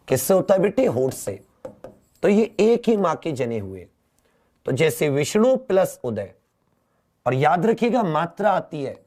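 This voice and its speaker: A man's voice: on the high side, creaky, darkish tone. A male teacher giving an exam-prep grammar lesson, drawing out words, repeating them and quizzing his students. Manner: drawn-out, questioning students, repeating words for emphasis.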